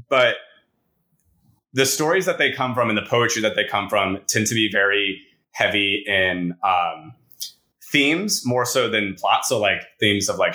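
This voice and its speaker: Male podcast co-host, slightly deep but bright and forceful, enthusiastic, rambling casual chat. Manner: enthusiastic, rambling, peppers talk with "like".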